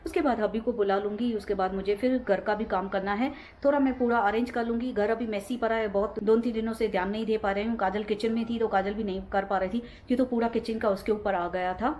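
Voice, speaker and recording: A young woman from India, Sindhi her first language, talks through her day at home in a loose, rambling vlog and circles back on the same phrases. Her voice sits at a middling pitch but comes out weak and subdued after illness. A faint hiss of room noise lies under her. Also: steady tone, fast talker, hardly any pauses, a little mellow. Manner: rambling, repeats herself. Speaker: home vlogger. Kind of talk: casual chatty daily vlog. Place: home, indoors.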